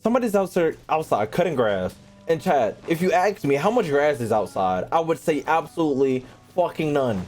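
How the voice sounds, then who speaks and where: He has a slightly high, darkish voice with big pitch swings, speaking at normal speed with few pauses. Gaming on a livestream, he talks casually to chat, swearing and using slang, while game music and sounds run underneath.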